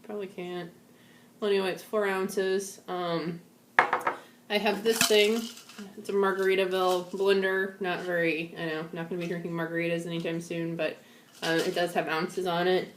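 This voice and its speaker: A woman's voice: on the low side, flat delivery, normal speed, very noisy. A woman talking casually to camera at home, sounding weak, shaky and a bit out of it while recovering from surgery. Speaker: vlogger sharing a post-surgery update. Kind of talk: casual personal video diary. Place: indoors at home. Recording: echoey room.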